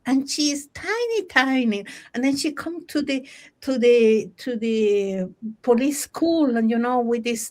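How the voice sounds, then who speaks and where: Non-native English-speaking woman coach, unhurried and halting, restarts a lot while hunting for words. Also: fairly high pitch. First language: not English. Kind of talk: casual group discussion.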